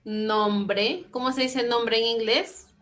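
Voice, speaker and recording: Through a laptop webcam on a video call from a small room at home, a young woman teaches an online English class, patiently explaining exercises and moving between Spanish and English. Her voice is on the high side, steady and slow, with a slightly bright quality.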